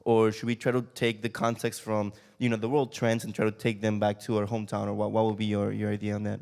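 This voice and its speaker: Young man with a Mexican accent, lowish voice. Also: monotone, quick pace, vocal fry, darkish tone. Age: 20s. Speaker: audience questioner. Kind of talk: casual question to a speaker on stage. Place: on stage in an auditorium before an audience. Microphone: handheld microphone.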